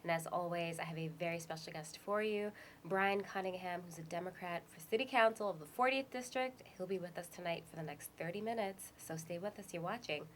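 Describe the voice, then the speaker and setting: A woman's voice: on the low side, brisk, hardly any pauses, fairly bright tone, a little hiss or hum. A woman hosting a TV interview show, upbeat and encouraging toward her guest. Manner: upbeat and encouraging, rising to emphatic. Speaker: talk show host. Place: TV studio.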